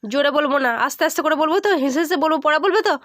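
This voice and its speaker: At home, a mother tutors her young son in a high-pitched, racing, slightly bright voice. She coaxes him and repeats her questions, sighing in exasperation and scolding him.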